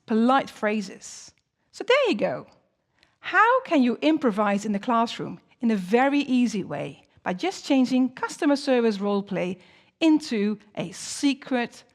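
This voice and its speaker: A woman who is a non-native English speaker presents teaching tips as a teacher, in an encouraging manner with frequent rhetorical questions. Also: fairly high pitch. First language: not English.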